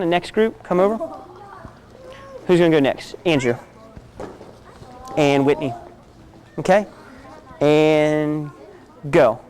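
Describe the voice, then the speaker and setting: Smooth-voiced man instructing a class. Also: a little high. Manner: instructive, direct, repeats "okay?". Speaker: self-defense instructor. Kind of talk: teaching a class.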